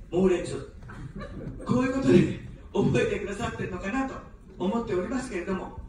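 A candidate for office, a woman with a mid-range voice, speaks outdoors on an evening in standard, accent-free Japanese. Jokes give way to earnest pleading for votes. The street PA sounds very echoey and distant, with slight background noise.

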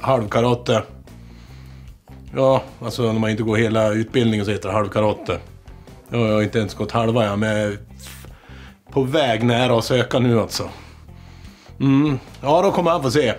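A man's voice: mid-range voice, a little mellow, lightly acted. A man playing a boastful, petty small-town wannabe rock singer who rambles and swears constantly, speaking with a small-town Swedish accent. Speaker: comedic character, aspiring songwriter. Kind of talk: mockumentary comedy monologue to camera.

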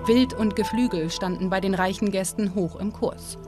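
A woman with a medium-pitched voice narrates a documentary calmly and informatively, at a measured pace. It's a voice-over with music behind it.

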